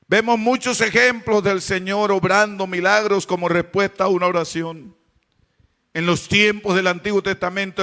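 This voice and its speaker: A man preaching a sermon as pastor, swinging between fervent shouts and hushed, tender tones. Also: high-pitched, clear, resonant tone.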